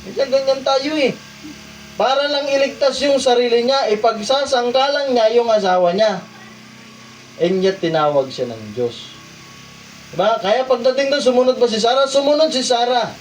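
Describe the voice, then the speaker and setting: A man from the Philippines preaching a sermon, asking the congregation rhetorical questions and swinging between loud emphasis and quiet asides. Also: very high-pitched, lively intonation, normal speed, recorded from a distance, a little hiss or hum, rough recording. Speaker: pastor. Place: church hall.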